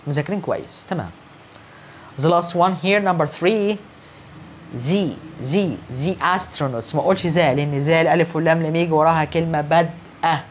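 A man with an Egyptian Arabic accent teaching English grammar in a recorded online lesson, brisk and encouraging, answering students who are not there. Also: fairly high pitch, a little hiss or hum.

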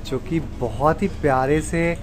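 Over music, a young food vlogger with a slightly high voice talks at a measured pace as he tours an indoor restaurant. He speaks straight to his viewers, eagerly describing the dishes and the decor in a relaxed style.

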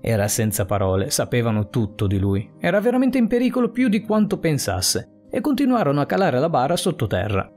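A man narrating a suspense story in a dramatic, expressive reading. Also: a little high, brisk, hardly any pauses. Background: faint music.

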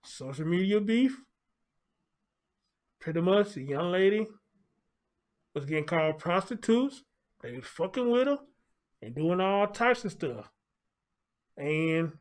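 A man's voice: fairly high pitch, expressive, a little slow, pauses often. A middle-aged man speaking through a face mask, giving casual commentary as the host of a show.

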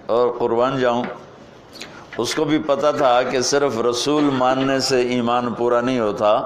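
A man's voice: mid-range voice, fairly even intonation, a little hiss or hum. A man preaching a sermon and telling stories with emotional, swelling delivery. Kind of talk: sermon storytelling.

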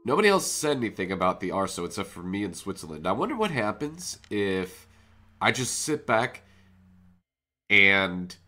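This gaming channel host sounds congested, as if he has a cold, while he casually comments on his own game and thinks aloud as he plays. On the low side, his voice is very animated, bright and forceful, at a normal speed, with faint music underneath.

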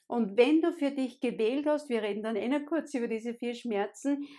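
A woman's voice: a little high, normal speed, warm tone. A woman hosting a solo coaching podcast, explaining step by step and speaking directly to the listener. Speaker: podcast host and life coach.

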